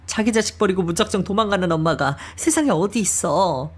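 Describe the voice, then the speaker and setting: A woman's voice: mid-range voice, animated, brisk, slightly rough. A woman voicing a remorseful middle-aged mother who pleads and sighs through her tears in an audio drama reading. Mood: shocked pleading. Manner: emotional, pleading, sighing.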